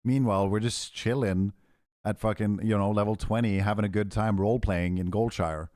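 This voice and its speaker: A man's voice: lowish voice, steady tone, normal speed, darkish tone, no room sound, studio quality. A man with a Norwegian accent, chatting casually on a game stream in a laid-back, profane way full of gamer slang. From Norway.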